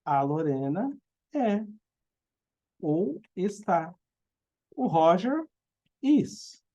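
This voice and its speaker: A woman's voice: lowish voice, lively intonation, slow, mellow. A woman with a Brazilian Portuguese accent teaching an English grammar lesson, patient and explanatory, often checking in with tag questions.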